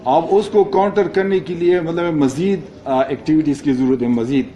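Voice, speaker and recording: A man's voice: fairly high pitch, steady tone, warm tone, muffled recording. A man presenting a project report slide by slide, mixing English into his speech with many hesitations and frequent "sir". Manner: mixes English phrases into Urdu, many fillers, addresses listener as sir.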